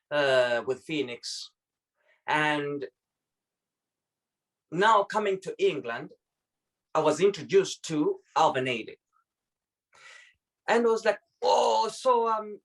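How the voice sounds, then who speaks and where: A man from Zimbabwe, taking part in a panel on a video call, speaks reflectively with a voice that sits high, often repeating words while he searches for them. The audio quality is poor.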